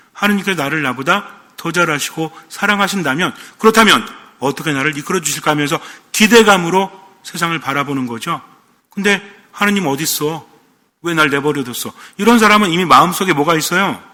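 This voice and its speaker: Bright-voiced priest in a reverberant hall. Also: male voice, fairly high pitch. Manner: asks the congregation questions, playful asides. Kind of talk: sermon.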